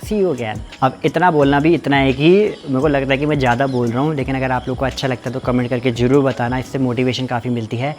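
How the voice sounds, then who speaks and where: A young man from Uttarakhand vlogging at home with his family, chatting warmly and switching into slow, halting English for his viewers. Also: mid-range voice, a little hiss or hum. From Uttarakhand, India. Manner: chatty, warm toward family. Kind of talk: casual vlog chat.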